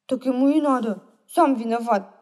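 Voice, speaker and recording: A woman voicing an emotional, quick-tempered little girl in a children's storybook reading. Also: a little high, a little mellow, lightly acted. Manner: emotional, exclaiming, tearful.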